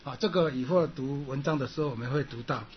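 A man teaching a Sanskrit class, repeating his points, clearing his throat often and ending phrases with a drawn-out "ha". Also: medium pitch, lo-fi sound, a little hiss or hum. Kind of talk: classroom lecture.

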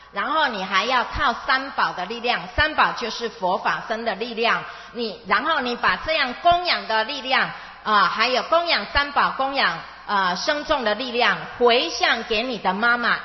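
A woman teacher telling a story and explaining it to young children in simple words, with emphatic repetition and questions, as if to little ones. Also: a little high. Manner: simple, question-and-answer talk as to small children; emphatic, repeats key words. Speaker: Buddhist teacher (dharma master) of a children's class. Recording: echoey hall, dull muffled sound, music.

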